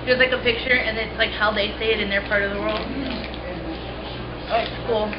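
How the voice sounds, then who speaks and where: A woman's voice: mid-range voice, steady tone, moderate pace, distant mic. A young woman vlogger chatting casually and rambling while snacking on treats. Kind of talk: casual chat. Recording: echoey lo-fi room recording, loud background noise.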